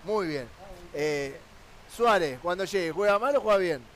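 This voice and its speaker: Argentine guy on a sports panel, high voice, pushes his point w rhetorical questions, faint noise behind. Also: expressive, unhurried, fairly bright tone. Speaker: sports journalist guest. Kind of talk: sports talk panel discussion.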